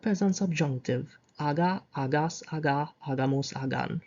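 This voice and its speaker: A Caribbean-accented teacher giving a language grammar lesson, reciting verb conjugations slowly and adding short explanations. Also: mid-range voice, darkish tone, dull audio. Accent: Caribbean English. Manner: slow, deliberate reciting of conjugations with asides. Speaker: Spanish teacher.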